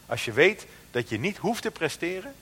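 Lively preaching man in a reverberant hall. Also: a little high, breathy edge. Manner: lively, emphatic preaching with slow, stressed scripture quotes. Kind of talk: sermon.

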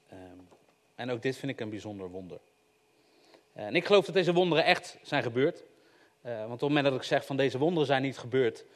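A young man preaching an informal sermon, talking conversationally with joking asides to his listeners. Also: mid-range voice. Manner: conversational, joking asides, addresses the audience directly.

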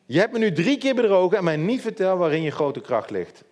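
A man's voice: on the high side, wildly swooping pitch, normal speed, a little mellow. A man voicing a pleading biblical temptress. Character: pleading, scheming young woman, biblical temptress.

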